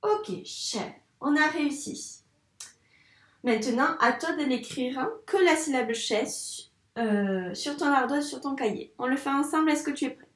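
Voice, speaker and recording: A fairly high-voiced woman teacher guides young children through handwriting, slow and encouraging, talking straight to the child. Her voice sounds a little distant from the mic. It echoes around the room. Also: a bit bright. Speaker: primary school teacher.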